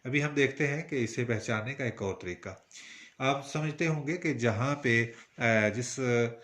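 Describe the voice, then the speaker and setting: A man from Pakistan with a Punjabi accent, teaching Urdu poetry meter in a patient, explanatory way with frequent pauses. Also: mid-range voice, a bit bright. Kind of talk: spoken lesson on Urdu verse meter.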